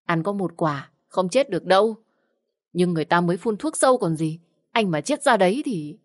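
Lady voicing a cheeky fearless girl, teasing, brash, fairly low voice. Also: expressive, moderate pace. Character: bold, teasing young woman, mischievous.

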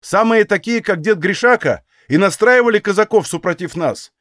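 A man's voice: high-pitched, expressive, moderate pace, fairly bright tone, no room sound, studio quality. A man reading as a stubborn, blunt young Cossack who answers in folksy rural speech. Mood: defiant.

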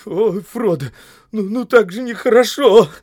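A man's voice: high voice, unhurried, darkish tone, no echo, studio quality, voice pushed up. A man voicing a young, loyal male hobbit servant who talks in a tearful, pleading, folksy way in an audiobook. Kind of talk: audiobook character voice.

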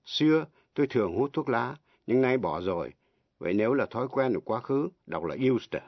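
A man teaching English on the radio, giving each word and example slowly, spelling words out letter by letter and translating them. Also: mid-range voice, expressive, gravelly, slightly rough, no room sound. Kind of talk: slow, deliberate language lesson. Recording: dry, dull lo-fi radio broadcast.

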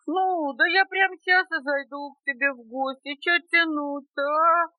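A woman voicing a gruff, pushy male bear in a storybook reading, grumbling and brash, on a dull cassette tape. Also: high-pitched, steady tone, normal speed, no echo, voice pushed up, close to an everyday voice.

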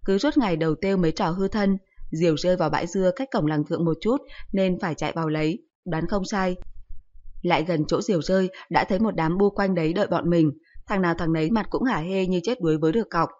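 A woman reading a story aloud, with gentle, nostalgic narration. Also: on the low side, fast talker. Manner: gentle, nostalgic narration, voicing all the children. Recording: slightly dull lo-fi audio.

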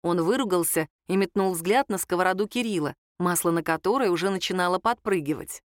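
A woman narrating a novel in an even, lightly wry storytelling manner. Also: fairly low pitch, a little fast, no echo, clean studio sound. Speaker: audiobook narrator. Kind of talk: scripted narration.

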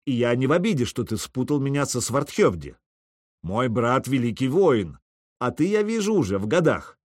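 A man reads a first-person story with dry irony, his intonation rising and falling in lively sweeps. The sound is close and completely dry, with no room around it. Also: medium pitch, normal speed, dry recording. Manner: wry, ironic. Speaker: audiobook narrator. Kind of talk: first-person audiobook narration.

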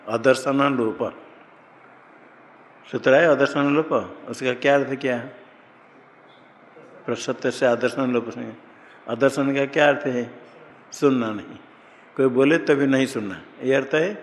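A man teaching Sanskrit grammar to a class in Hindi, firing question after question at his students and repeating key terms, in a large reverberant classroom. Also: medium pitch. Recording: long hall reverb, faint room hiss.

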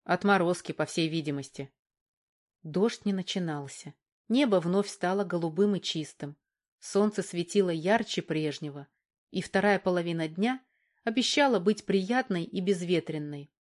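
A woman reading an audiobook in a measured, even narration. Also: lowish voice. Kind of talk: scripted narration.

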